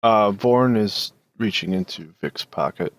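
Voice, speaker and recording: A man narrating as dungeon master of a tabletop game, halting with many fillers as he describes the action. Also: on the low side, no room sound.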